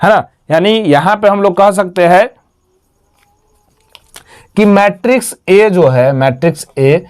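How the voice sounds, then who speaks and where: A man's voice: sits high, takes it slowly, a little mellow, smooth. A man teaching a math lesson, repeating each term and asking and answering his own questions. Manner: repetitive, quizzes himself with questions and answers.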